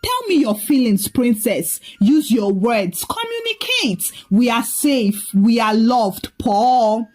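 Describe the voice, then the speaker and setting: A woman's voice: a little high, sing-song, slow pace, hardly any pauses, a little mellow, soft background music, full character voice. A woman voicing a fussy, dramatic modern grandmother in a storybook tale, shrieking her lines. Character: shrill trendy Gen Z grandmother.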